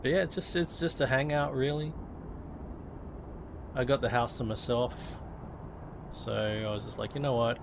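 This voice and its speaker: A man's voice: medium pitch, flat delivery, unhurried, gravelly, pauses often, background noise. An Australian man streaming games, chatting in a casual, rambling, laid-back and sweary way. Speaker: game streamer. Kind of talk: casual rambling livestream chat.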